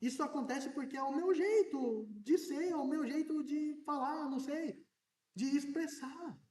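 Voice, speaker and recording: A man preaching a sermon as a pastor, in an animated way that now and then breaks into shouting. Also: extremely high pitch, measured pace. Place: church hall. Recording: echoey church hall, mic at a distance.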